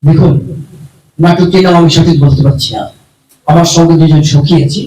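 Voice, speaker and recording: Brief: man playing a gruff, exasperated puppet gentleman, roomy far-off sound with music. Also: a little high, fairly even intonation, moderate pace, a little hiss or hum, voice pushed down, natural voice. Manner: exasperated, insistent. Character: patient, flustered grown man puppet. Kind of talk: live puppet show voice.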